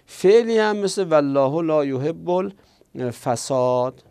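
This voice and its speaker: A man's voice: on the high side, expressive, darkish tone, clean tone, no room sound. A man teaching a grammar lesson, explaining step by step and answering his own questions. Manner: explains step by step, slows on the quoted examples. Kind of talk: classroom grammar lecture.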